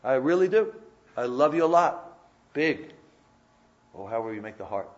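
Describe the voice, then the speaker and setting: Very animated and medium-pitched, a male pastor preaches a sermon at normal speed, heard through lo-fi sound. He frequently repeats and restarts his words with a stammer while asking his church congregation conversational questions.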